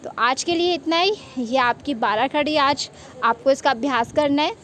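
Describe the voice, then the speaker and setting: A high-pitched woman teaching small children, patient and slow, repeating every step. A faint hum sits under her voice. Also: fairly bright tone.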